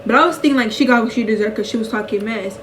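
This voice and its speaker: A young woman telling a story in a casual vlog, animated and slangy and laughing often. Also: on the high side, rapid-fire, distant mic, low-quality recording. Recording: voice a bit off-mic with faint noise.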